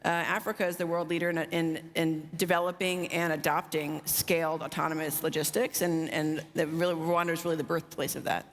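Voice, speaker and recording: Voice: mid-range voice, little pitch movement, brisk, few pauses, a bit bright. Founder on a panel, mid voice, upbeat, lots of "you know", hall echo. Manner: fluent, upbeat, many "you know" fillers. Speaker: drone logistics company founder, panelist. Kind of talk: conference panel answer. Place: large conference hall stage. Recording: long hall reverb.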